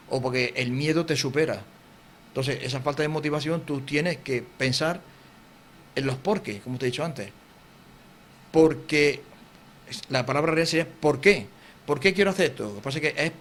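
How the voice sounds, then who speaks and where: Middle-aged Andalusian man, rapid lively TV interview guest, slight room ambience. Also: medium pitch, a little hiss or hum. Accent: Andalusian Spanish. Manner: fast, animated, acts out quotes and sounds. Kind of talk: TV interview, casual explanation. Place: local TV studio.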